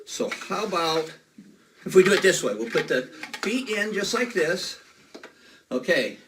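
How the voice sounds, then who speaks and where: Animated, high-pitched male kids party magician. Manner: playful, exclamatory, coaxing children with questions and magic words. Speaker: children's magician. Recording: noisy, distant microphone.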